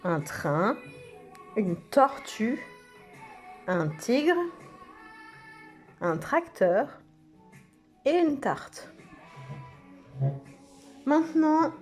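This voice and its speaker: A woman teaching preschool children, speaking slowly and stretching out each word and letter sound. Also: a little high, warm tone. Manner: slow, sing-song, stretches out words and letter sounds. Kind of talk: slow lesson for young children.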